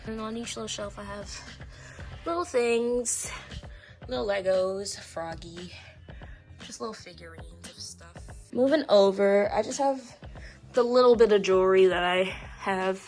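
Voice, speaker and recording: A woman giving a casual tour of her room, chatty and soft-spoken, a little out of breath. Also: mid-range voice, unhurried, faint music behind. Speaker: nail content creator.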